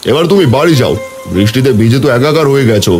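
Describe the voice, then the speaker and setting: A man's voice: mid-range voice, animated, rapid-fire, darkish tone, soft background music, close to an everyday voice. A man voicing a kindly but firm village headman who is also a poor fisherman. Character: kind middle-aged village headman and fisherman.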